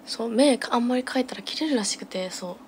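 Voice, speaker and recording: Young female streamer, casual and absent-minded, murmuring fragments at home into a phone with clear background noise. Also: on the high side, fairly quick, darkish tone. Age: young adult. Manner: absent-minded muttering in short fragments to herself and viewers. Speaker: live streamer. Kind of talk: casual livestream chat while doing makeup. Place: small room at home, indoors. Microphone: phone at arm's length.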